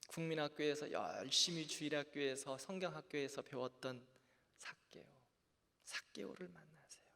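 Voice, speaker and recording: A man teaching a Bible class as a pastor, earnest, asking his listeners rhetorical questions. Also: fairly high pitch. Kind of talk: Bible lecture to a congregation. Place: church sanctuary. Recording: long church reverb.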